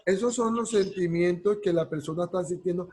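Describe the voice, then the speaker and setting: A man's voice: sits high, darkish tone, breathy edge, low-quality recording. A man teaching a counseling class. He asks rhetorical questions and keeps checking in with his students. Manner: slows right down to stress key words. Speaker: counseling course lecturer. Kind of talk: class lecture.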